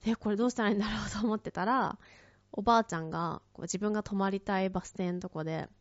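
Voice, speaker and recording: A woman's voice: medium pitch, steady tone, racing, dry recording. A woman telling a casual story in a chatty way, with many fillers, and acting out quoted lines in a raised voice. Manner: many fillers, frequent light laughs. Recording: dull lo-fi, dry close recording.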